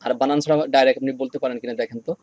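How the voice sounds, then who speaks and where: A man's voice: mid-range voice, steady tone, darkish tone, no room sound, lo-fi sound. Patient man teaching recitation sounds, dry. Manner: patient, repeats sounds slowly for practice. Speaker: Quran reading teacher. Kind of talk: online lesson.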